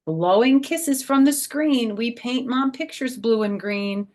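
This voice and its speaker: Reading a picture book to young children, this woman breaks in with chatty, easy-to-follow explanations as she hosts storytime. She talks slowly in a fairly high, husky, creaky voice that has a slightly mellow quality.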